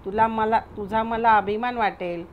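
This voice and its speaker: Tender storybook mother read by a woman, loving and reassuring, fairly high voice. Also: fairly even intonation, unhurried, muffled recording, a little hiss or hum, lightly acted. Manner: tender, soothing. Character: gentle loving mother comforting her son.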